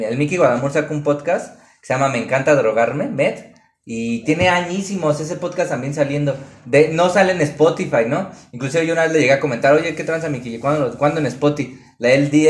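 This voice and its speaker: A Mexican man co-hosting a casual podcast, blunt and slangy, dropping filler slang constantly. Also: on the high side. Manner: slangy and blunt, peppers talk with "güey". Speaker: podcast co-host. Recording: echoey room.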